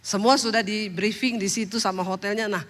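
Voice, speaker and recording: A woman pastor from Indonesia giving a sermon, telling humorous stories and acting out quotes in a lively way. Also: mid-range voice, fairly quick. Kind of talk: sermon storytelling.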